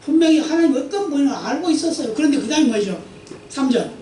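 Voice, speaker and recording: A man's voice: extremely high pitch, lively intonation, quick pace, dark tone, a little hiss or hum. A man preaching a Sunday sermon as pastor, reading scripture aloud and explaining it with rhetorical questions to the congregation. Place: church sanctuary. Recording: echoey church hall, mic at a distance.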